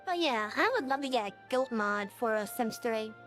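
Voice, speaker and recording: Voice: mid-range voice, lively intonation, moderate pace, fairly bright tone, faint music behind. A game streamer talking through a real-time voice changer in rambling casual chat, full of fillers and restarts.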